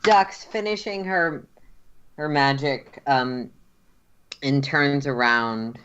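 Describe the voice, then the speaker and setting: A woman's voice: rumbling low, a bit bright, lo-fi sound, slight background noise. A woman running a tabletop roleplaying game as game master, narrating and refereeing in a casual, joking way. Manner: casual, joking, quick to laugh.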